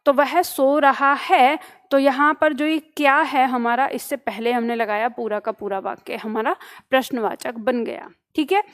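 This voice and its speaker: High-voiced woman teaching grammar. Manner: patient, asks the class questions and answers them herself; reads example sentences slowly and deliberately. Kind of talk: grammar lesson explaining rules with examples.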